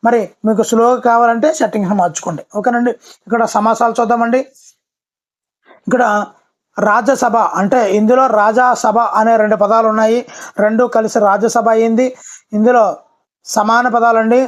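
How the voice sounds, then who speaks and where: A teacher giving a brisk voice-over exam-prep lesson, often repeating key words and addressing viewers politely. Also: medium pitch, steady tone.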